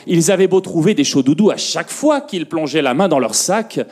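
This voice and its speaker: A man with a husky voice telling a fairy tale to a conference audience. He speaks slowly and very expressively, swinging his pitch up and down, with faint music behind him. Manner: slow, expressive, rising and falling for effect. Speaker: storyteller. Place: conference room.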